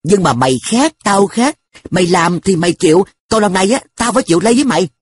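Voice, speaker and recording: A man's voice: sits high, expressive, fast talker, husky, pitched above the performer's own voice, full character voice. A man voicing an earnest, hot-tempered schoolboy who talks in a pushy, exasperated way. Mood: heated.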